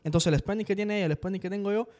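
A man in casual podcast conversation, talking fast with a slightly high voice. He keeps switching into English words mid-sentence in an energetic, chatty way. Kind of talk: casual chat.

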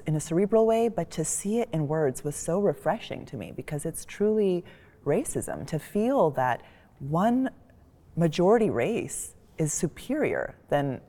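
A community board member speaks on a panel in a library reading room, thoughtful and articulate. Her voice sits low with a warm tone, and the recording carries the long reverb of a large hall.

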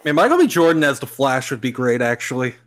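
A young man co-hosting a casual movie commentary, excitable, laughing often and swearing. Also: mid-range voice, quick pace. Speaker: podcast co-host.

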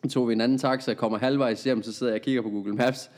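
A man, a comedian and podcast guest, telling a story in a lively, laughing way. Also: mid-range voice. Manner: animated, laughing anecdote telling.

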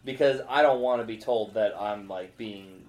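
A man's voice: lowish voice, normal speed, darkish tone, echoey room, a little hiss or hum. A young man, a stand-up comedian, chatting casually and telling a rambling story full of fillers and restarts. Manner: rambling storyteller, many fillers and self-interruptions. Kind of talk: casual podcast chat.

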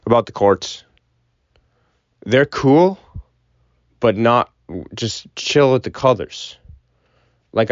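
Solo sports podcast host, young man with a low register, loose sweary opinions, dull lo-fi recording inside a closet. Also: dry recording. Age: young adult. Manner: rambling, opinionated, sprinkled with swearing. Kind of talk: casual sports commentary.

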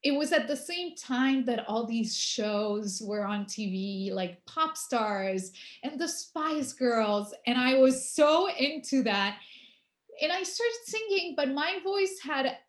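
A young woman who grew up in Argentina, a musician answering interview questions in an unhurried way with many pauses. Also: high-pitched, animated. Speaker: guest musician. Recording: roomy echo.

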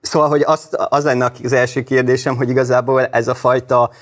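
Flat-voiced hesitant male host. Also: medium pitch. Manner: hesitant, many fillers and restarts. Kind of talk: studio political discussion. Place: studio.

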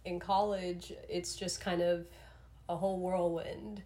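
Her voice is fairly low and warm, delivered flatly and a little slowly. This young adult woman rambles through her solo podcast in a casual, self-reflective way, leaning on "like" as filler, and she seems a bit under the weather, clearing her throat now and then.

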